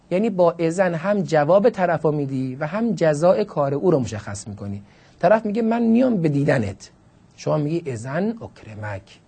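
A man's voice: a little high, mellow, breathy edge. A man teaching Arabic grammar in a classroom lecture, explaining the text line by line with questions and emphatic stresses.

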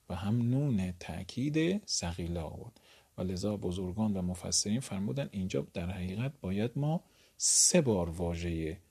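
A man's voice: on the low side, a little mellow, breathy edge. A man explaining a grammar lesson, repeating words for emphasis and addressing his listeners politely. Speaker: teacher.

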